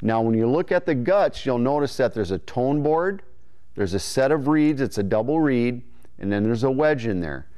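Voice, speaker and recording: Clear-voiced man giving folksy instruction. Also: medium pitch, expressive, moderate pace, mellow. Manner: folksy, informal, imitating call syllables as he explains. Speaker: duck calling instructor. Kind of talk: instructional video demonstration, explaining step by step. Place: indoor studio in front of a green-screen backdrop. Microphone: lapel mic.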